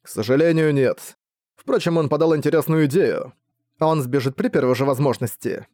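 Calm diplomatic team leader, a guy reading him, dry close sound. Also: a little high, no room sound, close to an everyday voice. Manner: measured, diplomatic.

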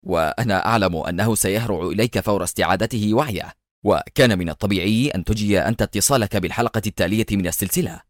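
A composed male secret agent who mocks his enemy in a low, even-keeled voice, as a man reads him in an audiobook thriller. His sarcasm stays cool and controlled. The recording is dry and close. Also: no echo, lightly acted. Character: calm, mocking male secret agent hero.

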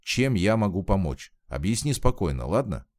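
A man's voice: low voice, big pitch swings, moderate pace, a little mellow. A man reading aloud, voicing a bewildered young male doctor who asks puzzled questions. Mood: stunned.

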